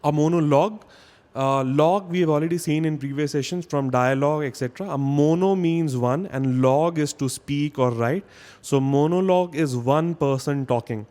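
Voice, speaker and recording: A man's voice: a little high, moderate pace, a little mellow. A man teaching a vocabulary lesson in a casual spoken style, explaining step by step and often checking in with "okay?". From India.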